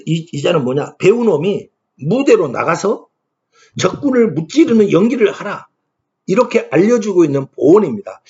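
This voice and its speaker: On a dull lo-fi recording, a man lectures on ancient Korean poetry in a classroom style, posing questions to himself and answering them emphatically. His voice is on the high side, gravelly and a little mellow.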